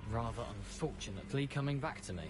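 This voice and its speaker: An actor playing a ghostly thief in a video game, speaking slowly and theatrically. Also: male voice, medium pitch, close to an everyday voice. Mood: wry. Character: ghostly male thief guide, wry and cryptic. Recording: game audio with music underneath.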